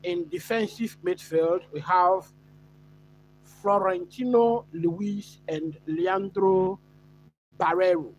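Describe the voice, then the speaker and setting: A man's voice: sits high, fairly even intonation, slow pace, slight background noise, low-quality recording. Chatty Ghanaian man hosting a live stream. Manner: chatty, answers live chat, many fillers. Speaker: watch-along host. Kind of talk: live stream football chat.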